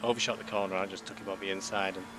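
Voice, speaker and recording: A man's voice: sits low, level tone, very fast. A man giving casual running commentary on his own sim race as he drives. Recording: car engine noise behind.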